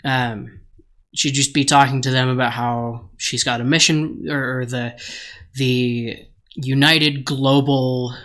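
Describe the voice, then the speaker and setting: Podcast co-host, male, slow and hesitant, thinking aloud through a pitch. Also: fairly even intonation, a bit bright. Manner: hesitant, many ums and restarts. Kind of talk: casual chat.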